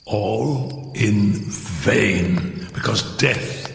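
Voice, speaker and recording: Give the voice of a deranged, sly killer confessing as fireside storytelling in a gothic horror tale. It is low and gravelly, with theatrical drawn-out words that slip between hushed whispers and higher gleeful tones. Some background noise sits behind it. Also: male voice, heavily acted. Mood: grim, hushed. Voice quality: low gravelly voice breaking into whispers and high cackles. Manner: theatrical, drawn-out words, sudden swings in pitch and pace. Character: unhinged, gleefully cunning murderer confessing his crime.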